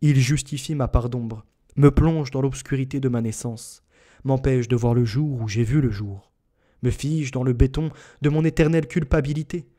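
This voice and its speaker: A man reading a first-person literary narration aloud as an audiobook, in a measured, solemn and deliberate way. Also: mid-range voice, fairly even intonation, dark tone. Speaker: audiobook reader.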